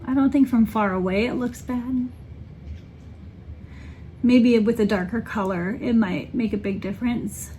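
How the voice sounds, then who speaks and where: A woman's voice: fairly high pitch, unhurried, long pauses, mellow, a little hiss or hum. A woman in casual chat as a crafting vlogger, rambling and correcting herself with many ums. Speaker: cross-stitch vlogger.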